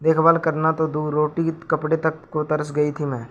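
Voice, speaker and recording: A man's voice: on the high side, completely flat delivery, normal speed, fairly bright tone, highs cut off, close to an everyday voice. A man voicing a shrewd old village woman who scolds and complains. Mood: complaining.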